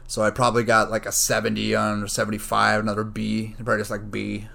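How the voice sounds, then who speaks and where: A male college student rambles through a story, swearing freely, correcting himself, and leaning constantly on "like" and "you know." His lowish voice is fast, monotone, and creaky, with a sharp edge.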